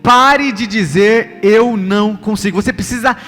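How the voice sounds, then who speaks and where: Preaching live in a large church hall, a Brazilian-accented pastor delivers his sermon slightly slowly in a high-pitched, bright, forceful voice. He repeats himself emphatically and poses rhetorical questions to the congregation, with music and long reverb in the recording.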